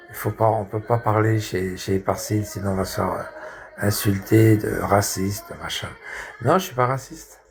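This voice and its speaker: A man in his sixties rambling in a casual monologue, repeating himself with crude slang and thinking aloud. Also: mid-range voice. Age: 60s. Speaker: social media commentator.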